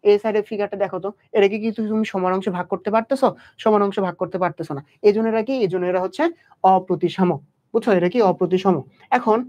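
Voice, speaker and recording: A young man with a high, slightly mellow voice tutors biology in an exam-prep lecture, talking directly to the student. He quizzes constantly, posing questions and answering them himself. The audio is dull and lo-fi.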